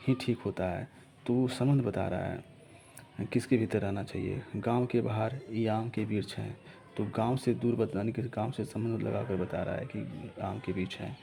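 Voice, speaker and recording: A man teaching a grammar lesson, asking questions and answering them himself and slowly repeating lists of example words. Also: fairly low pitch, creaky, warm tone, a little hiss or hum. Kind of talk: classroom-style grammar lesson.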